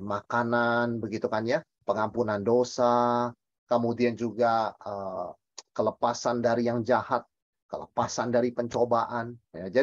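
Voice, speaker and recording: A man, a pastor, teaching a Bible study in a lively, emphatic way, asking and answering his own questions and mixing in English words. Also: medium pitch, dry recording, lo-fi sound.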